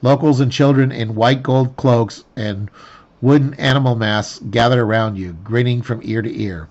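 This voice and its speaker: A man reads the story text of a tabletop game aloud at an ordinary middle pitch, tripping over words and going back to fix them. The recording is dull and lo-fi, lacking crispness. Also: moderate pace, darkish tone. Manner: stumbling restarts and self-corrections while reading. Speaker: player reading the scenario aloud. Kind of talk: reading game narration aloud, with slips. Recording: dull lo-fi sound.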